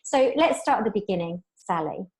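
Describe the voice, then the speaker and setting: A woman's voice: medium pitch, lively intonation, a little fast. A woman hosting a conversational podcast, enthusiastic and effusive as she introduces and questions her guest. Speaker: podcast host, business coach. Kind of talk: casual interview chat.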